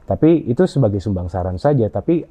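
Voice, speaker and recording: A man answering interview questions in a halting way, with frequent fillers and restarts. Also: lowish voice, sing-song, mellow. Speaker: interview guest. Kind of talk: conversational interview. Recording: dull lo-fi audio.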